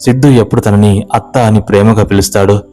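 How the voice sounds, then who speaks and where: Low, dark-voiced male horror narrator. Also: fairly even intonation, soft background music. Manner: slow, suspenseful telling. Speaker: storyteller.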